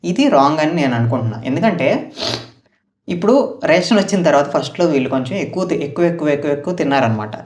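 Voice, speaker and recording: A man's voice: on the high side, expressive, fast talker, a little mellow. A man giving a casual recap of a reality show's episode, retelling the contestants' lines in quotes and adding his own opinions. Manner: chatty, retells house dialogue in quotes, opinionated asides. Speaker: show reviewer. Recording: roomy echo, voice far from mic.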